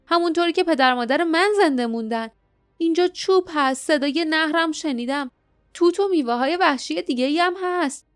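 A woman's voice: high voice, no echo, clean studio sound, voice pushed up, close to an everyday voice. A woman voicing a fierce, scornful young girl. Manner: harsh, scornful, quick-tempered. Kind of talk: audiobook character voice.

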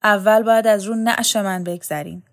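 A woman's voice: mid-range voice, steady tone, lightly acted. A woman voicing an anxious middle-aged man who pleads and defends himself. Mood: defiant.

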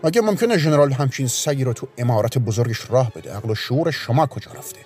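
A man's voice: mid-range voice, lively intonation, darkish tone, faint music behind, lightly acted. A man voicing a pompous, fickle middle-aged police officer in a storybook reading. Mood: bossy. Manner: bossy, blustering.

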